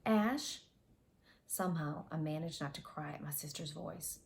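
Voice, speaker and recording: An audiobook reader in her forties reads a first-person novel aloud, doing character voices and retaking lines. Her low, level voice runs a little fast and has some vocal fry. She records in a home office on wireless earbuds.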